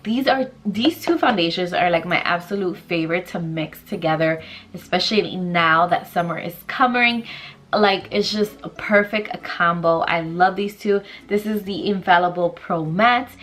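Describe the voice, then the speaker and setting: A beauty vlogger in her twenties, nose stuffed up, chats casually and rambles with lots of fillers through a makeup tutorial at a small bedroom vanity. Her voice is fairly low in pitch, fairly bright, and moderately paced.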